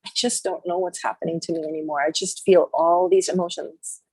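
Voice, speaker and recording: In a low, husky voice, a woman leads listeners through a healing meditation, speaking softly and slowly in short, repeated phrases separated by long pauses. Her tone stays steady, and the recording is dry, close, rough and free of echo.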